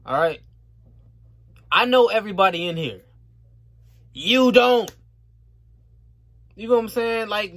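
Young man, high-pitched, angry profane rant, casual story time, repeats tag questions. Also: a bit bright. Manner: profane, heated ranting. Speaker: vlogger.

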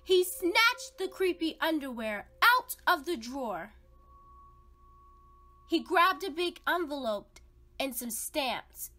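A woman's voice: high-pitched, sing-song, slow, pushed and bright. A woman narrating a children's read-aloud expressively, with dramatic, suspenseful emphasis. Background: background music.

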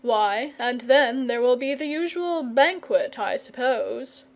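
A woman's voice: on the high side, slow pace. An earnest storybook knight, voiced by a woman narrator, courteous and sure of himself. The delivery is patient and persuasive, with a thoughtful air. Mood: matter-of-fact. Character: confident, patient, persuasive knight Saint George. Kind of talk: storybook character reading.

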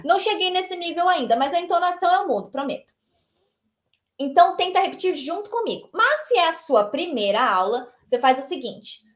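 A woman with a Brazilian accent teaches an online English lesson in a lively, chatty way, often ending her points with a short tag question. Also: very high voice, fairly quick. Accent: Brazilian Portuguese.

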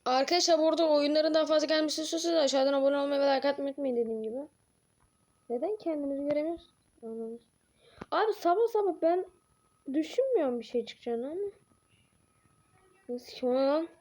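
A young woman doing horror game let's-play commentary, jumpy and excitable, swearing and dropping to low mutters between outbursts. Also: fast talker, pauses often. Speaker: gaming channel host.

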